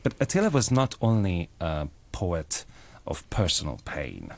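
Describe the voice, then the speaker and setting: This Budapest-born actor and playwright, in his thirties, shares personal stories on a radio interview in earnest, careful, Hungarian-accented speech. His low, creaky voice swoops wildly in pitch, and he takes his time.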